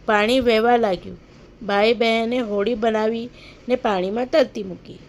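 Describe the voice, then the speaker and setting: A woman teaching young children in a fairly high, lively voice. She reads the storybook lines aloud with expression, then turns to the class with questions and explains the lesson. The recording is a close voice-over. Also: moderate pace.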